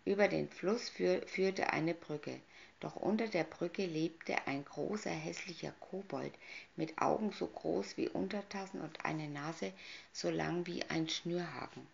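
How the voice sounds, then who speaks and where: A woman reading a fairy tale aloud from a picture booklet, announcing each picture in calm storybook narration. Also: lowish voice, unhurried, creaky, a little hiss or hum. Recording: dull lo-fi recording.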